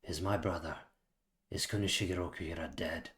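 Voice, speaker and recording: A man reading manga aloud and voicing a calm, long-imprisoned swordsman in a low, measured, matter-of-fact way.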